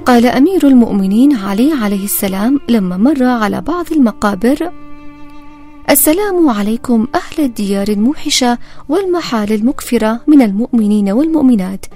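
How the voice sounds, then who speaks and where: A woman giving scripted educational narration in a measured, formal recitation. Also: a little high, animated, mellow. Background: faint music.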